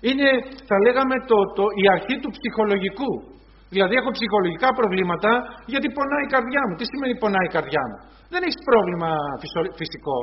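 A man's voice: high voice, animated, highs cut off. A man preaching a sermon, retelling scenes in quoted voices and calling his listeners brothers.

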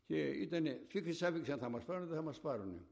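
This is an older man with a gravelly, creaky voice sitting somewhere on the higher side of a man's range. He rambles through long oral-history stories in a loose, conversational way. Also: animated, darkish tone. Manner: rambling, conversational, acts out remembered dialogue. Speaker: storyteller recalling army service.

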